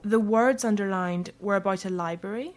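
A woman voicing a young red-haired girl in an audio story, speaking English slowly and carefully. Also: medium pitch, close to an everyday voice. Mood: earnest. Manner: slow, carefully spoken English.

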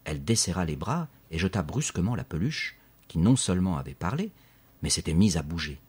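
Moving at a fairly quick pace, a man narrates a children's story with steady expression, like a practiced audiobook reader. His very deep voice has a breathy, husky texture.

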